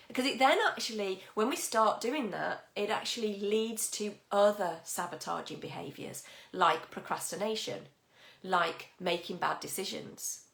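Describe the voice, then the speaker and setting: A woman mindset coach talking to viewers on a live stream with a husky, croaky voice, chatty and encouraging, greeting people by name. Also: medium pitch, a bit bright, echoey room.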